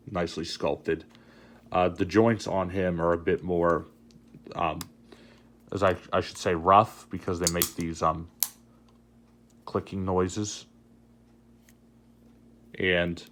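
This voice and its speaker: A man giving a casual, unscripted review as host, with halting, hesitant phrasing. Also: deep voice, fairly bright tone, slight background noise.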